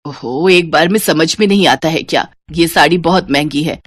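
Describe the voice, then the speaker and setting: Cartoon role: a woman doing a tight-fisted, curt mother-in-law, low and dry. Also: moderate pace, breathy edge, no echo. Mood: stern. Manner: curt, stern. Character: stingy stern mother-in-law.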